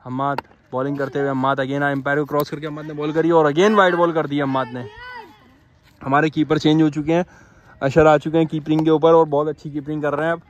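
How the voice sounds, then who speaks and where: A young man from Pakistan, his voice a little high, talks fast in a muffled recording. He covers a street cricket match live on a dirt ground, filmed with a phone, giving excited, repetitive play-by-play and calling to the umpire.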